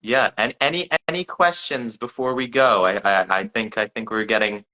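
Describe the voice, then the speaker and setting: A man's voice: fairly low pitch, normal speed, pushed and bright, highs cut off. A young man hosting a casual livestream, talking with lots of restarts and repeated words. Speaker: singer-songwriter hosting a livestream.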